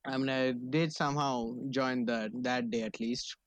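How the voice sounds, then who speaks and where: A man's voice: mid-range voice, fairly even intonation, moderate pace, no room sound. A man co-hosting a podcast in casual, slangy, rambling chat, often repeating his words. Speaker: podcast co-host.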